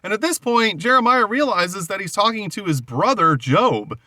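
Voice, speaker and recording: A man's voice: sits high, animated, normal speed, pushed and bright, no room sound, studio quality. A man hosting a podcast, casually retelling a comic book's story and loosely paraphrasing what the characters say. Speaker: podcast host. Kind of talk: casual comic book recap.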